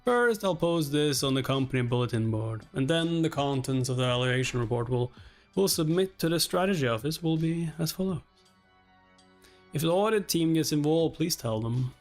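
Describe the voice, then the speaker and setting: A man reads a webtoon's dialogue and captions aloud for his reaction channel, performing each line dramatically and changing pitch for different characters. His intonation is lively, his speed normal, and faint music plays behind him.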